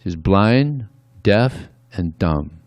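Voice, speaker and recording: A man's voice: deep voice, lively intonation, extremely slow, a little mellow, dry recording. A man giving a conversational devotional sermon, often adding "yeah" between points. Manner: conversational, frequent "yeah" asides. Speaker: speaker at a temple.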